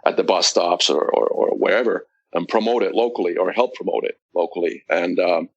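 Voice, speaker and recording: A man's voice: low-pitched, a little fast, creaky, slightly rough, lo-fi sound. A man, a guest on a casual podcast, recounting at length with many fillers and restarts. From United States. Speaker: guest, wrestling promoter.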